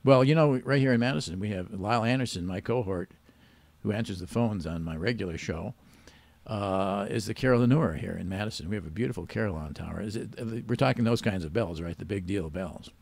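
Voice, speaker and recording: A man's voice: lowish voice, brisk, creaky, darkish tone, no room sound. A man hosting a radio quiz show, teasing the caller with dry wisecracks. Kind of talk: joking quiz banter.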